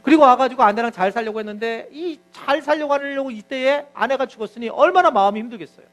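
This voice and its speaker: A man's voice: extremely high pitch, fast talker. A male pastor giving a sermon, telling stories animatedly and acting out what people said. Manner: animated storytelling, acts out quotes.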